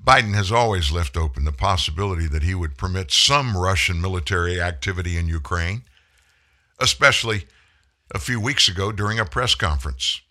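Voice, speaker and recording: A man's voice: deep voice, brisk, sharp tone. A man hosting a political commentary monologue, folksy and sarcastic. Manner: folksy and sarcastic, mocking voices when quoting. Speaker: commentary host.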